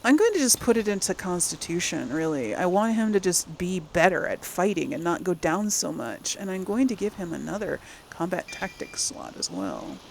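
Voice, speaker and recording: This gaming channel host is a woman with a fairly low, sing-song voice, vocal fry, and a normal pace with few pauses, and the recording carries a little hiss or hum. She plays through a game in a casual let's-play, chatting and thinking out loud.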